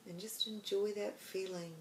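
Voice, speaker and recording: A woman with an Australian accent, hosting a podcast and leading a slow, soothing guided meditation. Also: mid-range voice, steady tone, a little hiss or hum. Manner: slow, soothing, soft-spoken guidance. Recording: roomy with faint background ambience.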